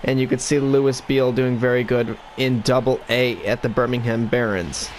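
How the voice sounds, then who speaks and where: A man's voice: medium pitch, normal speed, a crowd in the background. A man calling a baseball video game in broadcaster-style play-by-play while he has the hiccups, recorded in a room at home. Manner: broadcaster-style play-by-play delivery, rising excitement on big plays. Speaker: gaming YouTuber.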